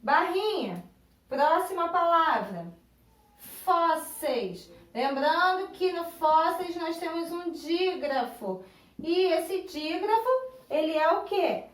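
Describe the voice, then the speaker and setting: Brazilian woman teacher, slow, repeats and spells syllables, recorded across an echoey classroom. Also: very high-pitched, lively intonation. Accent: Brazilian Portuguese. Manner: patient, spells out syllables slowly and repeats words. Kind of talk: recorded online classroom lesson. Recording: echoey room, voice from a distance.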